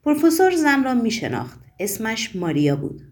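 A woman narrating a novel aloud in a measured, even reading style. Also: fairly high pitch. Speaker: audiobook narrator. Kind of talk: storybook narration.

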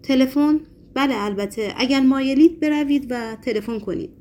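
A woman voicing a sly, volatile foreign male professor in a storybook reading, shifting between mocking calm and pleading. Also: high-pitched, slight background noise, pitched above the performer's own voice, lightly acted.

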